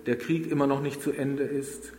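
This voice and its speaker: A man delivers a sermon slowly and earnestly, pausing often between phrases. His mid-pitched voice carries a long reverb through a large church hall. A faint ambience sits behind him. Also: fairly even intonation, a little mellow, a little hiss or hum. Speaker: preacher.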